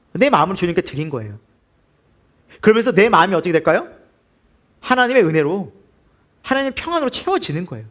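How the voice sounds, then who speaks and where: A man preaching in a church with a high, lively voice that climbs and falls across every phrase. He keeps asking the congregation questions and answering them himself. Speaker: pastor. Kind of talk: sermon.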